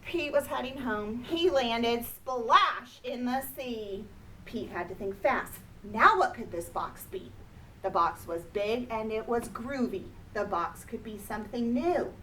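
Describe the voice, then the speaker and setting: Faint background noise and a distant microphone frame a woman reading a children's picture book aloud. Her fairly high, fairly bright voice moves without hurry, and she draws out important words to emphasize them in her expressive storybook reading.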